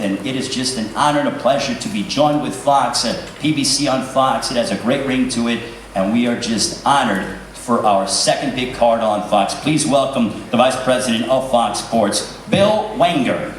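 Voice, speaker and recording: A man hosting a boxing press conference in a formal, showman-like ring announcer style, giving bilingual introductions. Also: mid-range voice. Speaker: press conference host and interpreter. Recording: echoey hall from far off, faint noise.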